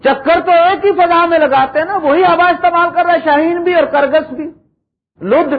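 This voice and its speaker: High husky preacher man, tinny recording. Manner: dramatic, swings from high emphatic lines to low quiet ones; recites verse lines slowly. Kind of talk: Urdu religious lecture. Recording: tinny phone-like lecture recording.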